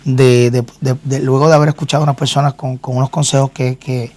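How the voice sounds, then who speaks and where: A man's voice: medium pitch, level tone, fast talker, darkish tone, no echo. Earnest man giving a faith testimony. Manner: earnest, repeats words and restarts often. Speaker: guest minister and singer.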